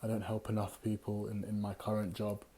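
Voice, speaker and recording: A British book club host with a low, mellow, monotone voice reviews a book. He sounds tired and slightly raspy, rambling with fillers and stopping occasionally to read passages aloud.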